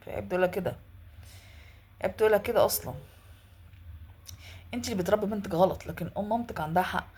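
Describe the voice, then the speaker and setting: A woman with an Egyptian Arabic accent talks quickly in a husky voice. She retells a viewer's story and then lectures the viewer bluntly, like a casual advice vlog. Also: medium pitch, a little mellow.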